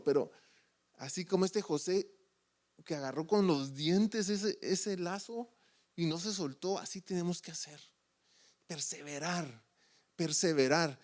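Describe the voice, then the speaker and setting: A man preaching a sermon as presiding elder, animated and asking the congregation rhetorical questions. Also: fairly high pitch. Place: church service.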